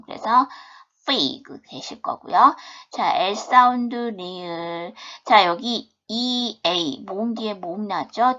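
A woman's voice: mid-range voice, bright, forceful tone. A woman teaching a beginners' English phonics lesson, patiently spelling out words letter by letter. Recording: dull lo-fi video-class audio.

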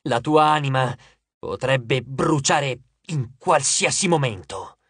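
A man voicing an ancient spirit possessing a boy, speaking slowly in a flat, gloomy way in an audiobook. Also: medium pitch, husky, no room sound, heavily acted. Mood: menacing.

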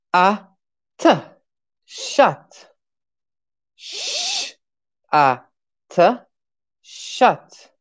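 Low-voiced woman teaching vowels on a stream, super slow, sounds out every letter, gets you to repeat. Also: vocal fry. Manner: encouraging, asks viewers to repeat along. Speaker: English pronunciation teacher. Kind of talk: live-streamed phonics lesson.

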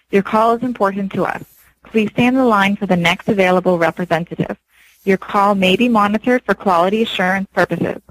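A woman's voice: mid-range voice, a little hiss or hum. Recorded phone greeting, woman's voice. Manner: smooth, even, polished announcer delivery. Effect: recorded automated phone greeting heard over a phone line. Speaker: automated customer service line. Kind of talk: scripted hold message.

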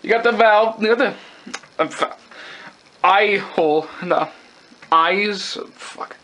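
High-voiced, bright young man, rambling casually. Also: a little hiss or hum. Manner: rambling, halting, casually sweary. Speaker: gas mask collector and reviewer. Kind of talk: casual unscripted product review. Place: indoors, close-up tabletop video.

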